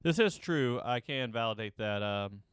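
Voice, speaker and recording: Smooth-voiced profane podcast host. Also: male voice, mid-range voice, normal speed, dry recording, studio quality. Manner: profane, animated storytelling with mimicked voices. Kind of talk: casual podcast chat.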